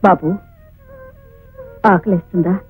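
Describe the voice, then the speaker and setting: An actress playing a poor, tearful mother of a young boy who speaks in a soft, sorrowful way. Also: on the low side, fairly even intonation, slow, faint music behind. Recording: dull lo-fi old film soundtrack.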